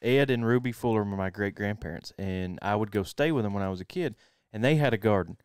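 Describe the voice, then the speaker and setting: A man in his forties from Texas, co-hosting a casual local-history podcast in an easygoing, soft-spoken way. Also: fairly low pitch, fast, clear, resonant tone, no room sound, studio quality. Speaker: podcast co-host. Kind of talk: casual chat.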